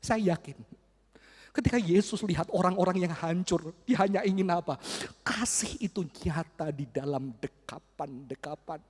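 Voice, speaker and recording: A man preaching a sermon, telling emotional stories that swing from hushed to loud. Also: high-pitched, moderate pace, husky. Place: church hall. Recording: hall reverb.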